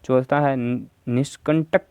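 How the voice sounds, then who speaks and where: A man's voice: mid-range voice, fairly even intonation, takes it slowly, smooth, no room sound, phone-quality sound. A man teaching Hindi grammar for an exam, going through answer options step by step and prompting viewers to answer. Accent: Rajasthani. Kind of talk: exam prep lesson.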